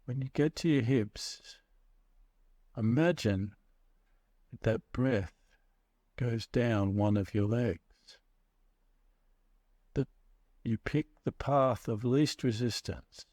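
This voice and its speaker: Male meditation guide, very slow measured delivery, soothing, recorded close and dry with no room sound. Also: medium pitch, a little mellow, no echo. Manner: measured, soothing, pausing between short phrases.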